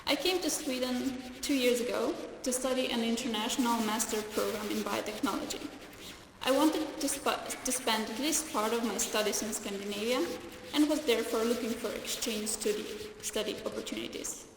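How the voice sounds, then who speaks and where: A woman's voice: on the high side, normal speed, background noise. Young Slovenian woman giving a graduation speech. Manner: careful, earnest, read from notes with small restarts. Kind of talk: formal ceremony speech. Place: large hall. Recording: echoey hall with faint ambience.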